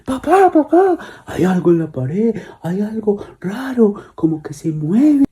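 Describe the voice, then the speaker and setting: A man voicing frightened little girls in a bedtime story, high and pleading. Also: big pitch swings, normal speed, mellow. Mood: scared pleading. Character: frightened little girls crying for their parents.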